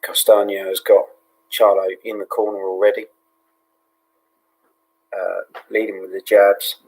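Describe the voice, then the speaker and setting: A British man hosting a live fight watch-along in a hushed, half-whispered voice, relaxed and full of ums and yeahs. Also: lowish voice, a little slow, rough recording. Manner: relaxed, with many fillers like um and yeah. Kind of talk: low-key live fight commentary.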